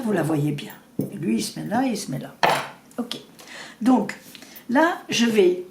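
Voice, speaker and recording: A woman doing a casual tarot reading, talking fast and rambling with many restarts. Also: mid-range voice, a little mellow. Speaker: tarot reader. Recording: echoey room with faint noise.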